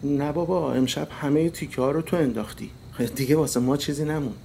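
A man doing a high, mocking wife. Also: steady tone, gravelly, dark tone, slight background noise. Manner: dry, mocking, turns shrill and scolding. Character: sharp-tongued wife teasing her husband.

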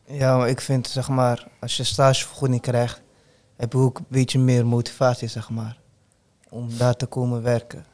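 A man's voice: medium pitch, completely flat delivery, moderate pace, a little mellow. A young male student speaking hesitantly about his internship, searching for words. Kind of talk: casual chat.

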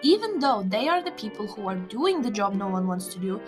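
A young woman hosting a scripted podcast, explaining in a measured way with wry asides. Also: medium pitch, very animated, music in the background. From Lithuania. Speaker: podcast host.

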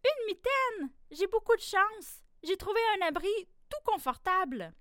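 Storybook mouse, tiny and thrilled, high squeak, a woman puts it on, dry close sound. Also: sing-song, unhurried, sharp tone, dry recording, full character voice. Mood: delighted. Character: small cold grateful mouse, female.

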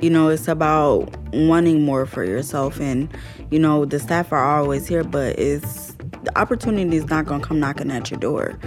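Young woman interviewee, low-pitched, candid and slangy, faint music bed. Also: normal speed. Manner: candid, casual slang, frequent laughs. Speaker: interviewee sharing her story.

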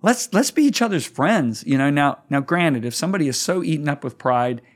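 A man's voice: fairly high pitch, lively intonation, brisk. Earnest stammering man telling stories. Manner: earnest storyteller, many stammered restarts. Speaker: guest pastor. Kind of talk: conversational interview.

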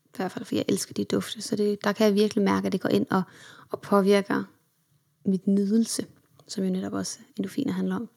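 A woman's voice: medium pitch, level tone, gravelly, darkish tone. A young woman hosting her own self-help podcast, chatting in an upbeat way and slipping English words into her talk. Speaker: podcast host.

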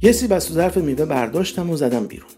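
A man reading a story aloud, changing his pitch for each character and dropping low for the narration, with faint music underneath. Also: lively intonation, mellow. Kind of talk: storybook reading with acted voices.

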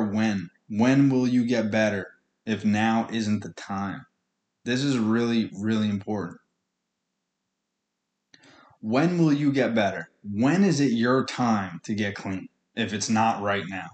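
Male solo podcast host, slightly deep voice, plain-spoken and earnest street-level pep talk with swearing, captured in an echoey room. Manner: blunt, earnest, sweary, colloquial. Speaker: podcast host speaking on addiction recovery. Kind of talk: informal motivational monologue.

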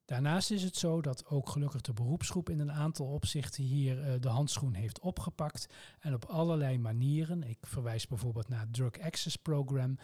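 A man with a Dutch accent, answering interview questions in a measured, formal way with precise terms. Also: mid-range voice, mellow. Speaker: medical oncologist guest.

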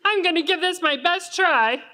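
A woman playing Jimmy, an earnest young man, in a comedy sketch with deadpan delivery. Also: very high-pitched, normal speed, dry recording, poor audio.

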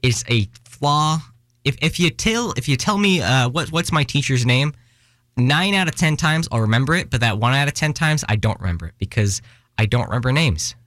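A man's voice: medium pitch, lively intonation, moderate pace, a bit bright, no room sound, clean studio sound. A young man hosting a casual solo podcast, rambling with many restarts and joking at his own expense. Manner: rambling, self-deprecating, restarts and fillers, runs out of breath. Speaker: podcast host. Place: Washington, US.

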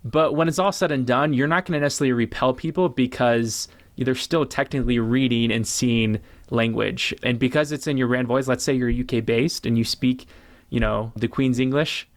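A man appears as a guest on a podcast, a branding expert who talks casually and thoughtfully. He repeats words and slows down to stress key points, using a mid-range voice.

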